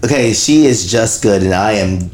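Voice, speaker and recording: A man's voice: fairly low pitch, lively intonation, moderate pace, darkish tone. A man in his late twenties hosting a casual chat from his apartment, his voice congested and nasal from illness, laughing often between words. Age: late 20s. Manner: laughs often, loose and giggly. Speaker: podcast host. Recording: echoey room.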